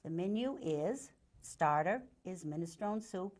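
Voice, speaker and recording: A woman's voice: lowish voice, lively intonation, a little slow, darkish tone. An older woman co-hosting a community show, chatting and reading out local announcements. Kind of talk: casual chat and reading announcements.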